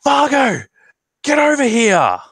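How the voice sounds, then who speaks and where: A man's voice: huge pitch swings, takes it slowly, slightly rough, no room sound, exaggerated voice. A man voicing Elamira, a caring determined woman. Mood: yelling. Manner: urgent, commanding, shouts in high yells. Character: caring, determined young woman, bossy when shouting. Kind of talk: voicing a character in a tabletop storytelling game.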